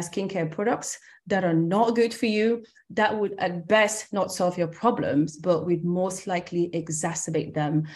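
A Cameroonian woman in her thirties, founder of a skincare company, is the guest in a relaxed conversational interview. Her voice is slightly low, and she speaks thoughtfully, often saying "um" and letting out small laughs.

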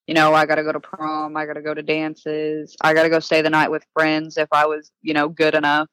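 A woman's voice: sits low, completely flat delivery, a little fast, a bit bright, smooth, no echo, poor audio. A woman recounting her past plainly and earnestly as a guest in a casual interview. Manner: earnest, matter-of-fact recounting. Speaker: podcast guest.

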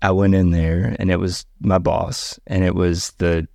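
Middle-aged man, gravelly, lowish voice, dry close sound, casual storytelling. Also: little pitch movement, unhurried, dark tone, dry recording. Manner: conversational, acts out quoted voices. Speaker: podcast guest.

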